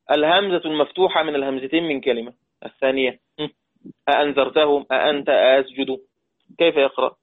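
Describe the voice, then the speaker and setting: Egyptian teacher, tinny lo-fi sound. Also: male voice, on the high side. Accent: Egyptian Arabic. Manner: repeats points, quizzes listeners, draws out recited words. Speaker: Quran recitation teacher. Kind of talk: classroom lesson.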